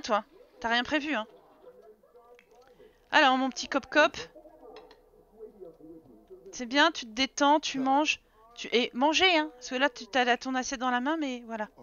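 A woman's voice: on the high side, sharp tone. A woman streamer giving casual live commentary on a life-simulation game, chatting to her characters and her viewers and getting exasperated with them. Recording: slightly dull stream audio with game music.

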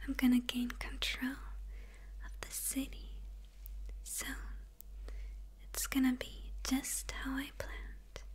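A young adult woman plays a smitten female supervillain, menacing yet confused, in an ASMR roleplay. Her high-pitched, full character voice comes as a breathy whisper close to the mic, slow and hesitant, murmuring haltingly with pauses.

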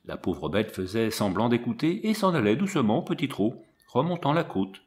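A man narrates a classic adventure novel as an audiobook, telling it in the first person. His reading is lively and expressive, at an even middle pitch. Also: normal speed. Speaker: audiobook reader.

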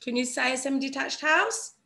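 A woman teaching an online French lesson, patiently modelling phrases slowly for learners to repeat. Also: high voice, animated, vocal fry, bright, forceful tone. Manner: patient, encouraging teacher talk. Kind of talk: online language lesson with screen share.

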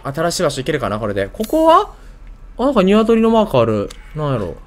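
A man's voice: a little high, wildly swooping pitch, brisk, fairly bright tone. A man with a Kansai Japanese accent doing casual video game commentary, thinking aloud in short muttered questions.

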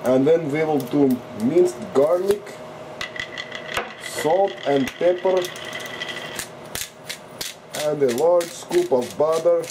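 A man's voice: mid-range voice, noisy background, natural voice. A man doing a put-on Russian accent as a joking farm-boy cook while hosting a cooking tutorial, dropping articles and swearing casually. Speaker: cooking show host.

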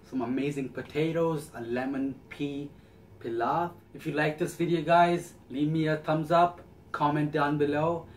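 This young adult man has a somewhat high voice and runs a cooking channel from his small home kitchen. He guides viewers through a recipe one step at a time in a warm, cheerful manner, with a little hiss or hum on the recording.

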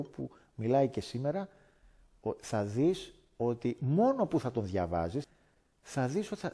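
A man from Greece giving a personal faith testimony as a guest speaker, animated and acting out conversations. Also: medium pitch. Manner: animated, acts out dialogue in voices.

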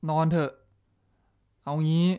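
A man's voice: slow, dark tone, natural voice. A man playing a caring but dismissive, practical husband in a radio drama. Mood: firm, dismissive.

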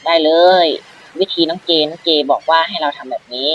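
Man, bright voice, excitable game commentary, playful role-play, makes his own jump sounds. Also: on the high side, fairly quick, highs cut off, slight background noise. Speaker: gaming channel host.

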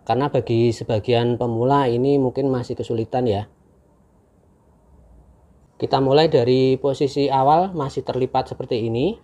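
A man calmly and patiently explaining, step by step, how to use a camping stove, recorded indoors with a camera mic above the table. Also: mid-range voice, normal speed, highs cut off. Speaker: channel host demonstrating a camping stove. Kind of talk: casual how-to demonstration.

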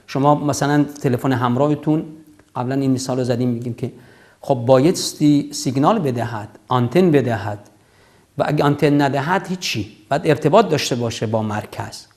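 A man's voice: medium pitch, darkish tone. A man in his fifties hosting a religious call-in show, explaining in a didactic, emphatic way with repeated phrases, on a lapel mic in a studio. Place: TV studio, seated at desk.

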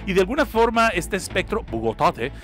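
A man's voice: high voice, sing-song, fairly quick, fairly bright tone, faint music behind. A man with a Mexican accent hosting a casual livestreamed movie recap, joking crudely and rambling as he corrects himself. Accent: Mexican Spanish. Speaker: podcast host.

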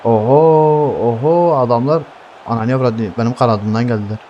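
A young man giving heated live gameplay commentary, swearing constantly and yelling at his teammates. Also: mid-range voice, fairly quick, lo-fi sound, slight background noise. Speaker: gaming streamer.

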